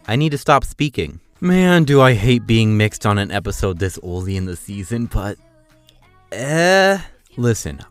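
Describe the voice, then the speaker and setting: A man reviewing cartoon episodes in a casual video, talking fast and loud with excitement. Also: fairly low pitch, no room sound.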